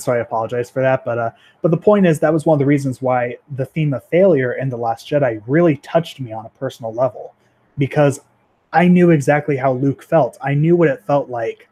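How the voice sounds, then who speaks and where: A young man in his twenties talks casually over a livestream with a mid-range voice. He rambles, restarts sentences and fills gaps with ums and likes. He pokes gentle fun at himself as he goes. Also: medium pitch. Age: 20s. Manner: rambling, self-deprecating, lots of fillers and restarts. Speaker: 3D animator livestreaming.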